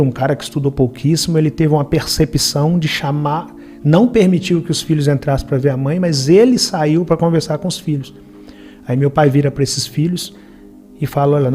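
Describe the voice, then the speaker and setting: A middle-aged man from Minas Gerais speaks with a Minas Gerais accent, his voice slightly raised in pitch and mellow in tone. He tells a life story earnestly and reflectively, and faint music plays softly beneath him. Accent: Brazilian Portuguese, Minas Gerais. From Minas Gerais, Brazil. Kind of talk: personal storytelling in an interview.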